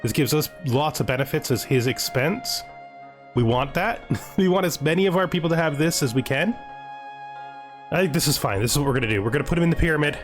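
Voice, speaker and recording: This let's play host has a slightly high, expressive voice and a quick pace. He thinks out loud while commenting on his gaming video series, adding playful mock-menacing asides, all over background music.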